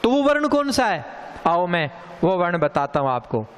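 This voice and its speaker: A man teaching a grammar lesson, speaking slowly and deliberately and repeating sounds for emphasis. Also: high voice, big pitch swings, smooth. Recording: long hall reverb.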